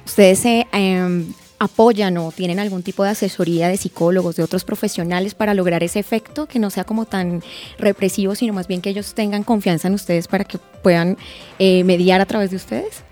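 A woman's voice: medium pitch, steady tone, a little fast, a little mellow, faint music behind. A woman co-hosting a radio interview, framing thoughtful, articulate questions. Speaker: radio co-host.

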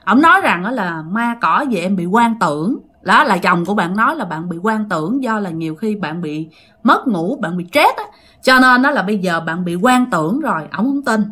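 A woman's voice: medium pitch, big pitch swings, a little fast, bright, forceful tone, husky. A woman telling a ghost story in a chatty way, often speaking straight to her listeners. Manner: chatty, addresses listeners directly. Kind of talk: casual ghost story narration.

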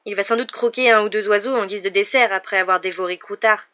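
A woman reading the part of a hot-headed, gleeful teenage boy, talking loudly in a storybook. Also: mid-range voice, fast, close to an everyday voice. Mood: excited. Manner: excitable, loud. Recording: dull lo-fi recording.

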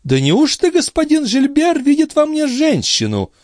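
A proud young noblewoman with a cold, cutting tone, her voice pitched high and swinging sharply, as a male narrator puts her on. She sounds scornful and mocking in this audiobook reading. The sound is close and dry. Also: huge pitch swings, normal speed, no echo. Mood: haughty.

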